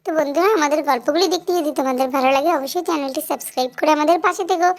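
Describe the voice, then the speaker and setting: A woman's voice: high-pitched, rapid-fire. A woman opening a doll cartoon channel with a cheerful, inviting scripted intro. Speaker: channel host. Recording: loud background noise.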